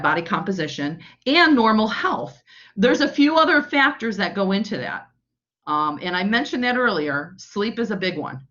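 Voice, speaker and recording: A woman's voice: mid-range voice, fairly bright tone. A woman teaching a college nutrition class online, talking in a loose conversational way with lots of fillers. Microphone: video call mic. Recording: muffled lo-fi video call audio.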